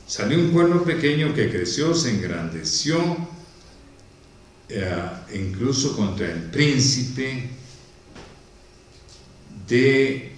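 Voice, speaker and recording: A man's voice: on the low side, distant mic, a little hiss or hum. A man preaching a sermon in a church, reading scripture aloud and stopping to explain it with emphasis. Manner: reads verses aloud, then comments on them slowly and emphatically. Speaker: pastor. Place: church hall. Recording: very echoey hall.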